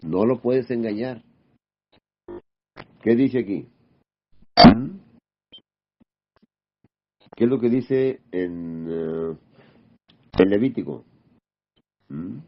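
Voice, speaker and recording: A man giving an informal sermon, firing off rhetorical questions and checking in with a quick "mm?". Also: lowish voice, animated, a little hiss or hum. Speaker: preacher. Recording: dull lo-fi recording.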